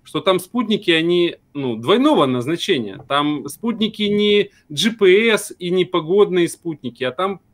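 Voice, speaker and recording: High-voiced argumentative man from Crimea. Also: expressive, moderate pace, few pauses. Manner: argumentative, laughs often, rants about news. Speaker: guest on a stream. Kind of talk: casual chat.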